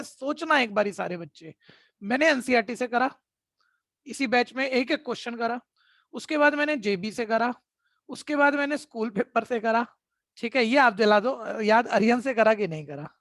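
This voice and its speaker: A man's voice: very high voice, moderate pace, a bit bright, no room sound. Man, math tutor, stern lecture, scolding tone, dry close sound. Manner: keeps asking "ठीक है?" to check in. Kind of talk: online class lecture.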